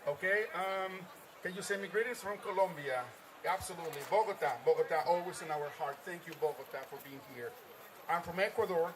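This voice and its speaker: A high-voiced man hosts a live stream at a trade show, upbeat and quick to repeat what his guests say. The noise of a busy expo floor stays loud behind him. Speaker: livestream host.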